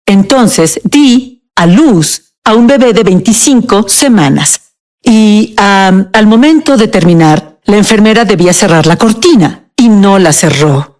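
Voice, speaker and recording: Woman guest recounting her story, halting and emotional, mid pitch. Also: a little mellow. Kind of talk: personal testimony in a TV interview, Spanish dub.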